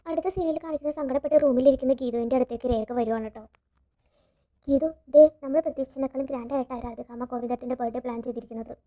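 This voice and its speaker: A woman rapidly retelling a TV serial episode, quoting the characters' lines as she goes, with a habit of tagging her sentences. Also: sits high, fairly even intonation, mellow. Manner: rapid storytelling with frequent tag "കേട്ടോ". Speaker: serial recap narrator. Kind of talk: fast episode recap, retelling dialogue. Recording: dull lo-fi sound.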